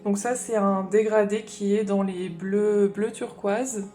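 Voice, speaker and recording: Chatty woman vlogger with a mellow voice. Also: mid-range voice, fairly even intonation, takes it slowly, soft background music. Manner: chatty and explanatory, thinking aloud. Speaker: craft vlogger. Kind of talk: casual haul chat.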